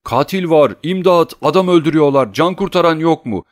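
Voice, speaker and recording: A man reading an audiobook, voicing a coarse, bullying male swindler who rants and hurls insults loudly. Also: fairly low pitch, lively intonation, a little fast, dry recording, clean studio sound, lightly acted. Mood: outraged. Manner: loud, abusive ranting.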